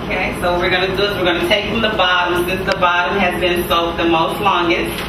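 Speaking a little fast in a lowish, level voice, the woman leads a cooking demonstration with chatty, folksy talk and a repeated "gonna go ahead." Heavy background noise and loud music fill the echoey room, captured from a distant microphone.

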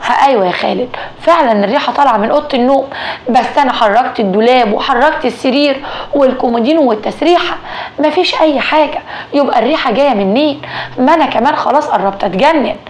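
A woman's voice: high-pitched, quick pace, natural voice. A woman playing an anxious Egyptian housewife. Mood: fretful. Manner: agitated, exclaiming. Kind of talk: storytelling dialogue.

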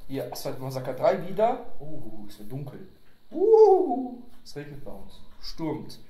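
A man's voice: medium pitch, big pitch swings, moderate pace, mellow. A man casually chatting through an unboxing video at home, rambling and joking with his viewers. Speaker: unboxing vlogger. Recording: echoey room.

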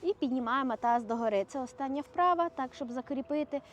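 A woman teaching a yoga class, guiding breaths and poses with calm, step-by-step cues. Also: sits high, brisk, slight background noise. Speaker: yoga instructor. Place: outdoors.

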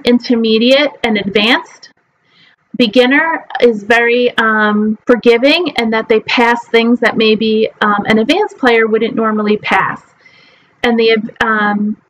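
A woman's voice: on the high side, a bit bright, poor audio. A woman in her forties teaching a live online class at a webcam, explaining step by step with frequent ums. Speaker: mah jongg teacher.

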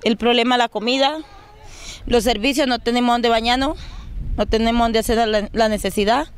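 A woman's voice: on the high side, steady tone, fairly quick, clean tone. A woman interviewed outdoors about her hardship, speaking in a plain, pleading way into a handheld mic. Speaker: displaced mother interviewed. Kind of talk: street interview. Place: outdoors by tarp shelters. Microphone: handheld reporter mic.

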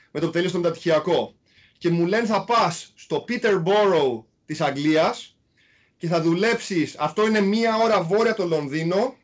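With a notably high voice, a man from Greece who used to play basketball tells his life story as a guest in a relaxed interview. He's animated throughout, relying on little fillers that keep recurring while he traces his own path.

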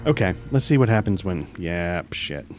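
Low-pitched man doing casual gameplay commentary. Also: animated, normal speed, noisy background. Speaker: let's play host. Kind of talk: casual gameplay commentary, reading game text aloud. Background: game music.

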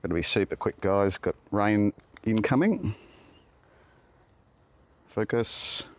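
A man's voice: on the low side, lively intonation, takes it slowly, no room sound. A middle-aged Australian beekeeper talking casually to camera in an outdoor garden, muttering self-deprecating asides as he works. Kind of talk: casual hands-on talk to camera. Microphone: camera on tripod.

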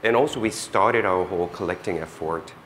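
A man speaking on a panel before an audience, measured and explanatory. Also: deep voice, slight background noise. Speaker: museum chief curator on a panel. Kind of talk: panel discussion.

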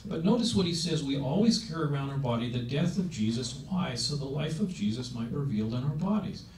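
A man in his seventies preaches about aging into a handheld mic, his mid-range voice fast and animated, emphatic yet conversational, with many rhetorical questions. He sounds somewhat distant from the mic in a roomy meeting hall, over a faint background hiss.

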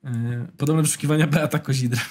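A man's voice: on the high side, steady tone, quick pace, darkish tone, husky. A young man co-hosting a casual podcast, bantering, swearing now and then and reading search results aloud. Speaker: podcast co-host. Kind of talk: casual chat.

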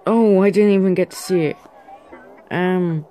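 A woman's voice: lowish voice, fairly even intonation, unhurried, mellow, some chatter behind, a little hiss or hum. A woman casually commenting on a video game as she plays and reading its text aloud. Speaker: game player. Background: game music.

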